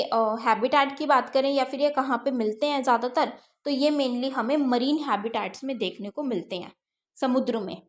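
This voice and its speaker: A woman giving an exam-prep science lecture, reading textbook lines slowly and then explaining each one, asking herself questions and answering them. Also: high voice. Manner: explains step by step, asks and answers her own questions. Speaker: teacher.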